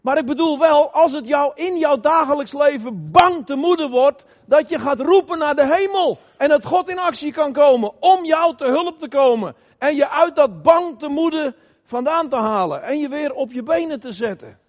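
A middle-aged man preaching an emphatic sermon in a church, asking the congregation questions and sometimes shouting. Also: very high voice, expressive, moderate pace. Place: church hall. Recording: long reverb of a church hall.

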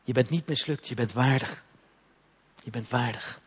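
Husky-voiced man preaching with soft intensity. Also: mid-range voice, normal speed, highs cut off. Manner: soft and intimate, dropping to whispers, then rising to forceful commands. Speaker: pastor. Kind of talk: prophetic sermon ministry.

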